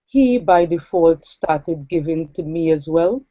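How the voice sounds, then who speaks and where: Warm-voiced woman, reflective. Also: low voice, lively intonation, dry recording. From Trinidad. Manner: earnest, reflective, with pauses and fillers. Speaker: guest. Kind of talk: personal story in an interview. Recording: dull lo-fi sound.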